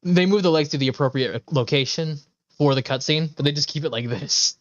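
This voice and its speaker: This man's voice sits a little high and moves briskly as he streams, offering rambling, sweary game commentary full of excited asides. The microphone is dry and a touch dull.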